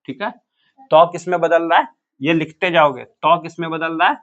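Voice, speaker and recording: A man's voice: fairly high pitch, normal speed, fairly bright tone. A male teacher giving a classroom lesson, asking students questions and repeating the answers. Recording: muffled lo-fi classroom recording.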